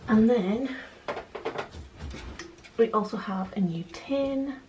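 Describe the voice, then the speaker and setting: Counting cash for a casual budgeting vlog, a young British woman who hosts the channel talks quietly at home late at night so the kids asleep nearby stay asleep. She speaks a little high and takes it slowly, and the recording is clearly noisy with clicks.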